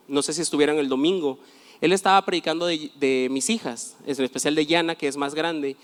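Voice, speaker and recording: Male pastor, fairly high voice, animated storytelling sermon, long hall reverb. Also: clear, resonant tone.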